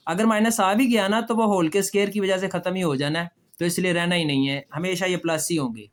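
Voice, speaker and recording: Male math tutor, high voice, patient step-by-step lecture. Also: steady tone, quick pace. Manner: patient, addresses students as children, repeats questions and answers them. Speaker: math teacher.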